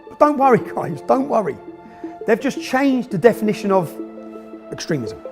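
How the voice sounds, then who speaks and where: Male documentary narrator, sarcastic and emphatic, high and lively delivery. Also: normal speed, over music.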